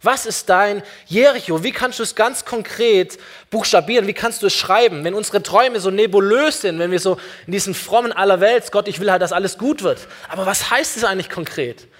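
A man's voice: sits high, a little fast. A man preaching a sermon, earnest, asking the congregation many direct questions. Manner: addresses listeners directly and warmly. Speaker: pastor.

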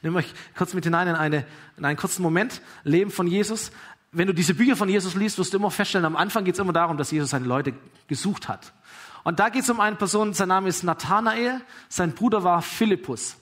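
Pastor, male, slightly high husky voice, earnest, encouraging sermon delivery. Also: brisk. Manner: earnest, encouraging, retells scripture with lively quoted dialogue.

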